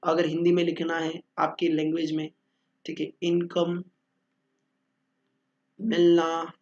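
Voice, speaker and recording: A man's voice: fairly high pitch, monotone, slow pace, a little mellow, muffled recording. A man teaching accounting in a joking, bantering lecture, answering his own questions.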